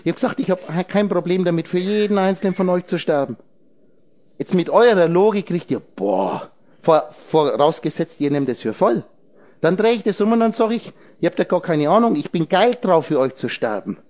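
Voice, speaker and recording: A man's voice: sits high, lively intonation, moderate pace, a little mellow. A man lecturing a group on esoteric ideas, rambling as he breaks words into letters and numbers and puts questions straight to his listeners. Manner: talks directly to listeners with questions. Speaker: speaker addressing a group.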